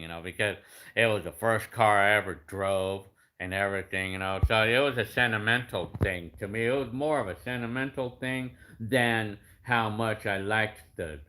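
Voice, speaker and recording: 50 yr old guy chatting about his old cars, lowish voice, kinda bright, lots of um and you know. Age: 50s. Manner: rambling, hesitant, many restarts and fillers. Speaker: YouTube creator answering comments. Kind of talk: casual chat reading viewer comments.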